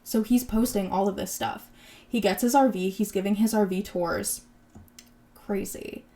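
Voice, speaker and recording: A woman's voice: mid-range voice, steady tone, a little slow, creaky, mellow. A woman in her twenties hosting a podcast, chatting casually and sarcastically about celebrity gossip, with lots of "like". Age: 20s. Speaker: podcast host.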